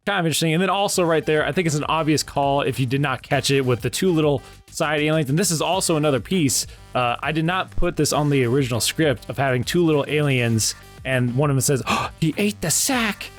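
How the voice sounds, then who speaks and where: A man's voice: a little high, quick pace, soft background music. A man hosting his animation channel, giving casual, informal and rambling commentary on how he makes his videos. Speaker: animation channel creator and host.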